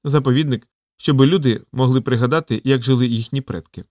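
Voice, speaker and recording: A man's voice: medium pitch, fairly quick, a little mellow, dry recording, studio quality, close to an everyday voice. A man voicing a blunt, clipped old man. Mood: triumphant.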